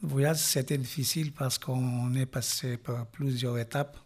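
Middle-aged guy, husky voice, halting, keeps restarting and trailing off. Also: medium pitch, steady tone. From Guinea-Bissau. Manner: halting, restarts phrases, drops off at line ends. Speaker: interviewee, refugee musician. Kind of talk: casual interview talk.

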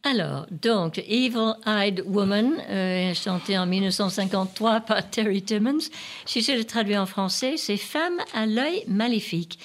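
A woman co-hosting a radio music show, explaining background in a deliberate manner with occasional fillers. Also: medium pitch. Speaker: radio co-host.

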